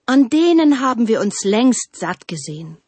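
A woman voicing a chorus of eager, complaining talking trees in a storybook, with a high, pleading, childlike tone. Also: sing-song, moderate pace, darkish tone, slightly rough, dry recording.

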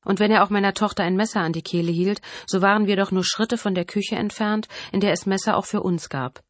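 A woman's voice: medium pitch, fairly even intonation, no room sound. Woman narrating a thriller audiobook. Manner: measured, dramatic storytelling. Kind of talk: first-person scripted narration.

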